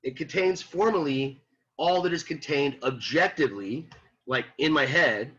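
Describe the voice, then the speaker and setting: A man teaching a philosophy class, reading a text aloud and explaining it with lively repetition and questions to students. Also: fairly high pitch, moderate pace, breathy edge, dull audio. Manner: animated, repeats himself, rhetorical questions to students.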